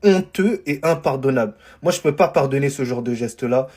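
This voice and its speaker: A man's voice: mid-range voice, fairly quick, darkish tone, breathy edge. A man in an indignant, scornful rant, piling up insults. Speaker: football commentator.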